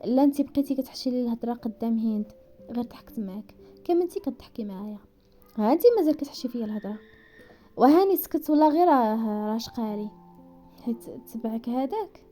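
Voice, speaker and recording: A woman's voice: a little high, soft background music. A woman with a Moroccan Darija accent narrating a romance story at speed, voicing the characters' dialogue as she goes. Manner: rapid, animated reading that slips into characters' voices.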